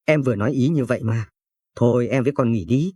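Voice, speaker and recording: A man's voice: mid-range voice, fast talker, mellow, slightly rough, no echo, studio quality, close to an everyday voice. A man voicing a curt, irritable young husband in a spoken story. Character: young husband, touchy and money-hungry.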